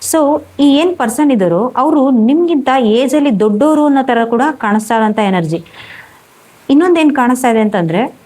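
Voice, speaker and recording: A woman's voice: high-pitched, animated, moderate pace, a little mellow, poor audio. A woman giving a tarot reading to camera, rambling and repetitive, full of fillers and restarts. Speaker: tarot reader.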